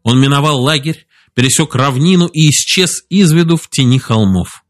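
A man narrating a story aloud in an expressive audiobook style. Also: fairly high pitch, moderate pace. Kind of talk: audiobook reading.

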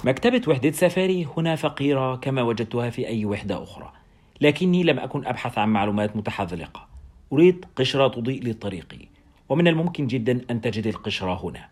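Fast-reading male audiobook narrator. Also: mid-range voice, expressive, a little mellow, slight background noise. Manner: brisk, wry storytelling. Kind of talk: first-person audiobook narration.

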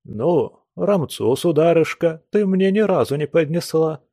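A man's voice: fairly high pitch, animated, measured pace, mellow, dry recording, studio quality, pitched above the performer's own voice. A man reading aloud plays a drunken old male guest who wails and pleads in grand, churchy phrases, in a somewhat raised voice. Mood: drunken pleading. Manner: wailing, churchy pompous phrasing.

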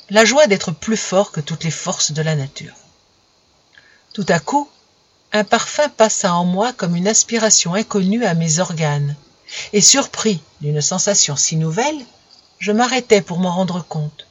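Expressive woman reading a fairy tale. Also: medium pitch, slightly rough, no echo, lo-fi sound. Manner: expressive, dramatic. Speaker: storyteller. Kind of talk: storybook reading.

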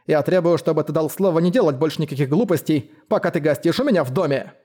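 A man's voice: fairly high pitch, fast, warm tone, close to an everyday voice. A male narrator voicing a cold, commanding woman who rules her estate, with an icy, stern delivery.

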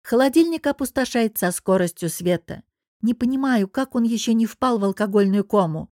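A woman's voice: a little high, animated, moderate pace, a little mellow, no room sound, clean studio sound, natural voice. A woman reading a story, voicing a young female hotel administrator who complains wearily about a guest. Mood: complaining. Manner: complaining, weary.

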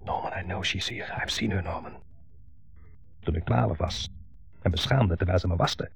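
A man's voice: sits low, moderate pace, soft background music, exaggerated voice. An actor playing a bitter grown son dominated by his mother, delivering a brooding, intense monologue in a 1970s radio play. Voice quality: gravelly, husky. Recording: dull 1970s radio broadcast.

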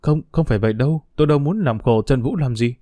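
A man's voice: mid-range voice, quick pace, warm tone, dry recording, natural voice. A man reading a story aloud and voicing a tearful young woman pleading her case. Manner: pleading, emotional.

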